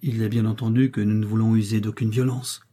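An eager scholar as a male reader plays him asks his questions earnestly, in a husky voice with a dark tone. It is an old-style storybook reading done by a single narrator. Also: lowish voice, level tone, fairly quick, natural voice. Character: eager scholarly man, peaceful.

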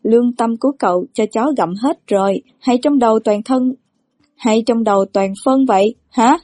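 Audiobook: woman reading a stern older brother, gruff and clipped, scolding. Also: fairly high pitch, moderate pace, mellow, no echo, clean studio sound, natural voice. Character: stern, irritable older brother, young man.

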